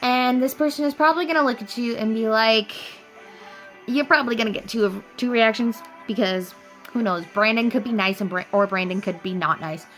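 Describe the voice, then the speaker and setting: A young woman giving an earnest, animated, chatty motivational talk to camera, laughing now and then. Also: a little high, fairly quick, soft background music. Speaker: vlogger.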